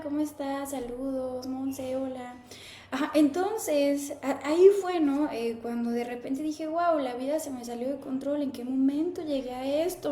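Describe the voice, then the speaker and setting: A woman in her thirties hosting a live stream, chatting casually and reading viewer comments aloud in a warm, conversational way. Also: high voice. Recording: echoey room.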